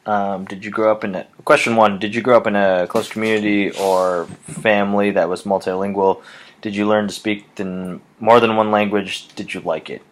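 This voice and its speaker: A young man from Wisconsin reading out questions and answering them casually, with many pauses, ums and restarts. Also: on the low side, fairly even intonation, slight background noise. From Wisconsin, USA. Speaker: language student answering questions.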